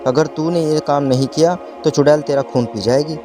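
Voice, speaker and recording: A man's voice: fairly high pitch, steady tone, normal speed, music in the background, lightly acted. A man voicing a scheming young man who insistently threatens and frightens a girl, in a storybook reading. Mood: menacing insistence.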